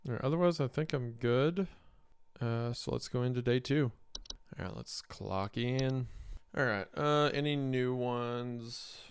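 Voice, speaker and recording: A man's voice: medium pitch, a little slow, slight background noise. A man doing casual let's-play commentary, muttering reactions and reading game text aloud. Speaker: gaming video host.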